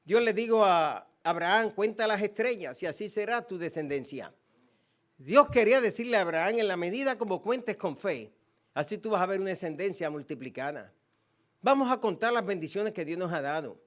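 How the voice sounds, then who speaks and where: A man's voice: high-pitched, expressive, moderate pace, fairly bright tone. A man with a Puerto Rican Spanish accent, a pastor preaching a sermon, emphatic, with repeated phrases and quoted scripture. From Puerto Rico.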